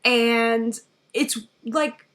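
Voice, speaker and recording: A young woman in a casual travel vlog, chatty and excitable, packing her talk with "like" fillers as she recaps her day from a hotel room. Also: fairly high pitch, drawn-out words. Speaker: travel vlogger.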